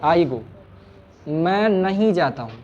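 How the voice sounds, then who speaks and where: Joking tutor in a classroom. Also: male voice, sits high, lively intonation, takes it slowly, lo-fi sound, over a noisy crowd. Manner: chatty and joking, repeats words of address. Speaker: English tutor. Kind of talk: informal classroom teaching. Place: small classroom.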